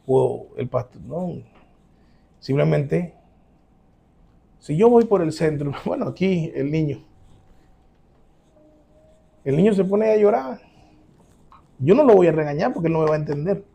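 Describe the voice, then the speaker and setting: A man preaching as a pastor, emphatic, acting out quoted voices with sudden loud rises, then closing in prayer. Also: on the high side, animated, a little slow, creaky, long pauses, husky. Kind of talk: sermon.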